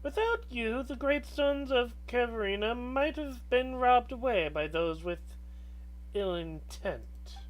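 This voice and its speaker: A woman voicing a wise, knowing old woman in a slow, halting old hag manner, reading video game dialogue aloud. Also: on the high side, rough recording. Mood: grave, knowing.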